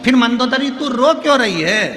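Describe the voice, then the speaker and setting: A man voicing a gentle divine king. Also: very high-pitched, lively intonation, moderate pace, voice pushed up, exaggerated voice. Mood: gentle, promising. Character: gentle, kindly divine king questioning a widow. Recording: long hall reverb, faint music.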